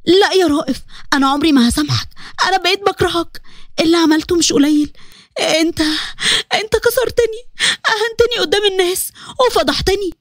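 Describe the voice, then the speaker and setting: A hurt young wife, voiced by a female storyteller speaks high and quick with an Egyptian Arabic accent. Her voice stays tearful and bitter, in a dry, close storybook read. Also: dry recording.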